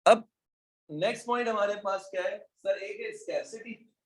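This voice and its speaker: A man lecturing an economics class in an informal way, teasing his students and calling them brother and son. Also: high-pitched.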